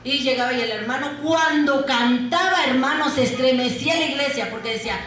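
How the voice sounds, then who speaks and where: A woman preaching a sermon. She asks the congregation questions and answers them herself, and she stretches key words slowly for emphasis. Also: sits high, fairly bright tone. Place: church. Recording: very echoey church hall.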